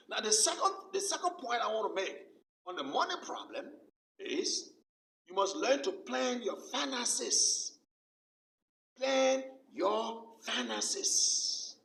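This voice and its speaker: Here a pastor's voice sits high, gravelly and sharp, as he delivers an emphatic sermon built on key phrases repeated over and over. The mic is distant, so the sound is roomy.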